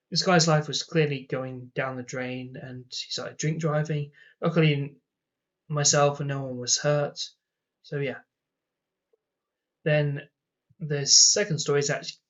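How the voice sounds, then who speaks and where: A man's voice: on the high side, fairly even intonation, moderate pace, pauses often, a bit bright, lo-fi sound. A young man casually telling rambling personal stories, acting out the lines of the people in them. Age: young adult. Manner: rambling, acts out quoted dialogue. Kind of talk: casual storytelling.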